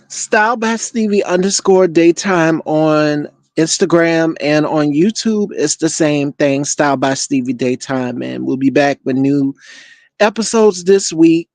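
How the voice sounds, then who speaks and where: Slightly high-voiced man, dry close sound. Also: unhurried, a little mellow, no room sound. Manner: encouraging, earnest. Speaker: panel guest. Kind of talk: casual motivational political talk.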